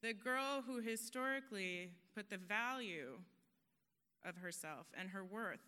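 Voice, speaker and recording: On a conference stage, a woman delivers an earnest, emphatic motivational talk, occasionally laughing at herself. Her medium-pitched voice is clear, resonant and sharp, with lively intonation and a slightly slow pace. A long hall reverb surrounds the recording.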